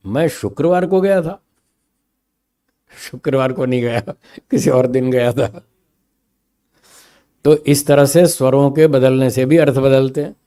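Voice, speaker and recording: Mellow-voiced male philosophy teacher. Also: mid-range voice, fairly even intonation, smooth. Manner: explains by slow spoken examples, asks listeners to confirm; stresses single words to show meaning. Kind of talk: spoken lecture to a class.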